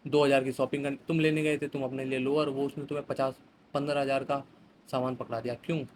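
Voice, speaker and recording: A man's voice: mid-range voice, level tone, quick pace, a little hiss or hum, poor audio. A man teaching an exam vocabulary lesson in a chatty way, explaining with everyday examples and reading phrases. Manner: chatty, explains with everyday examples, mixes English words into Hindi.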